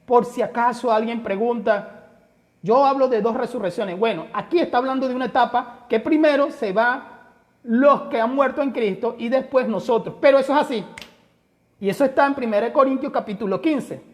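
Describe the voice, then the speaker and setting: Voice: mid-range voice, normal speed. A Bible teacher giving a study lecture, emphatic and full of rhetorical questions, often addressing listeners as brother. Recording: long hall reverb.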